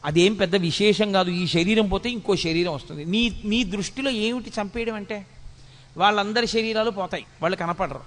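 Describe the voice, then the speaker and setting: A man giving a spiritual discourse, chanting verses slowly and scolding in rapid rhetorical questions. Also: high-pitched, fairly bright tone. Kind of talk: Telugu religious discourse. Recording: long hall reverb.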